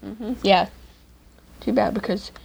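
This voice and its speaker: A woman's voice: mid-range voice, steady tone, takes it slowly, creaky, darkish tone, a little hiss or hum. A teenage girl from Georgia hosting a casual podcast chat, giggly and teasing, with hesitant fillers. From Georgia, USA. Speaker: podcast host.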